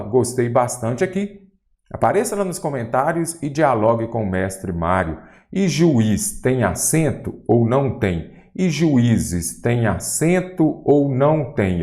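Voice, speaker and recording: A man's voice: mid-range voice, a little mellow. A man teaching a grammar lesson for exam prep, quizzing the viewer with rhetorical questions.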